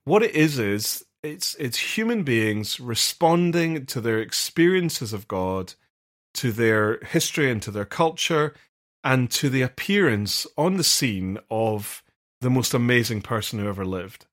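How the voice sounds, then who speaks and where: A man's voice: medium pitch, sing-song, unhurried, fairly bright tone. A man co-hosting a casual discussion podcast as a vicar, explaining earnestly at length with many fillers and restarts.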